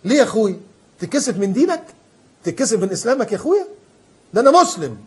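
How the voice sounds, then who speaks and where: A man preaching in a colloquial style with an Egyptian accent. He is animated and emphatic, and he acts out the people he quotes. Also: sits high, very fast, breathy edge. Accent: Egyptian Arabic. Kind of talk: colloquial sermon.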